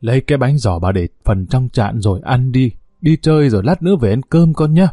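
A man voicing a worried, soft-spoken old grandmother in an audio story. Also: medium pitch, lively intonation, fairly quick, no echo, studio quality, lightly acted. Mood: weary.

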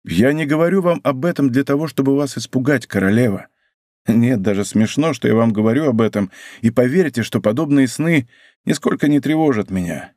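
A man's voice: medium pitch, a little fast, a little mellow, no room sound, studio quality, natural voice. A man playing an ardent, lovesick duke. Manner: ardent, impassioned declarations. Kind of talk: audiobook character reading.

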